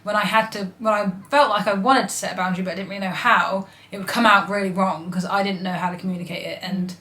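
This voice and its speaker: Young woman, animated and giggly, bright lively voice, echoey room. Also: mid-range voice, fast talker. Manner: animated, giggly, candid storytelling. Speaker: vlogger in a couple Q&A. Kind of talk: casual chat.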